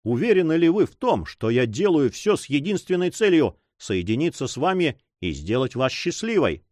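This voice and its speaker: A man's voice: on the high side, big pitch swings, normal speed, darkish tone, dry recording, studio quality. A man voicing a secretive young man in love in his own voice, earnest, reassuring and insistent.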